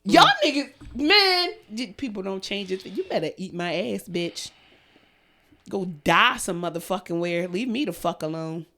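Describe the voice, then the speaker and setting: A young woman from the United States co-hosting a podcast in loose casual chat. She rants hard and swears freely, her voice sitting at an ordinary middle pitch. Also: lively intonation, normal speed, bright, forceful tone. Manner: profane, heated ranting. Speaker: podcast co-host.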